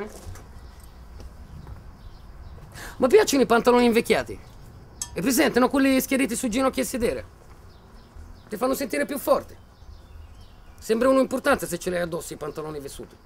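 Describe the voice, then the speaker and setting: An actor playing a volatile, menacing militiaman who taunts and mocks, then bursts into shouting. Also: extremely high pitch, creaky, heavily acted. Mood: boastful. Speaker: soldier threatening a journalist. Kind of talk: film acting.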